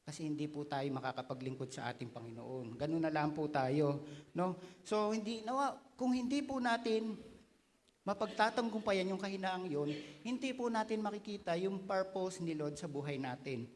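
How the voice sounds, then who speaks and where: Filipino male pastor, earnest sermon, slightly high voice, long church-hall reverb. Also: normal speed, slight background noise. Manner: earnest, asks the congregation questions, acts out quoted excuses.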